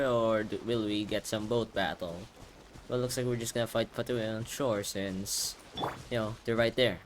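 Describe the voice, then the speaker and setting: Over game music, a male streamer rambles through a playthrough on a headset mic, tossing out informal asides. He speaks at medium pitch, and there's a little hiss or hum on the recording.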